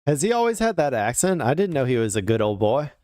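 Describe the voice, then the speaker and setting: A man talks through the news in a loose, rambling way, stopping and restarting often. His voice sits at an ordinary middle pitch. The recording is dry and close, with no room sound. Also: very animated, fast talker, darkish tone, no room sound. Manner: rambling, hesitant, many fillers and restarts. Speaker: political news commentator. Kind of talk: casual reaction commentary.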